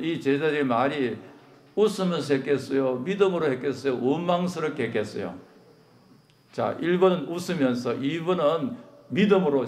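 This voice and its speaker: A man's voice: mid-range voice, darkish tone. A middle-aged man from Korea preaching a sermon, questioning his congregation and rising to emphatic peaks, slipping in English phrases. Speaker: pastor.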